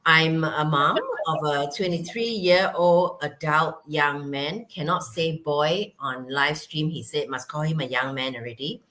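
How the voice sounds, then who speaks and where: A woman's voice: low-pitched, measured pace, few pauses, a bit bright. A middle-aged woman from Singapore, a guest chatting casually over a video call, with laughing asides. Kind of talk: casual self-introduction.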